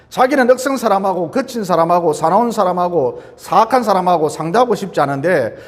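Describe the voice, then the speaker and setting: A man, a pastor, preaching a sermon with emphatic repetition and rhetorical questions. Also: high-pitched. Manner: emphatic, repeats phrases, asks rhetorical questions. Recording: long hall reverb.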